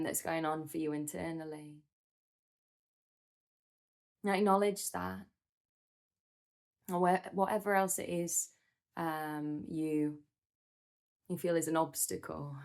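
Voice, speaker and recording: A low-pitched woman's voice guides a meditation, soothing and gentle, with measured instructions and pauses.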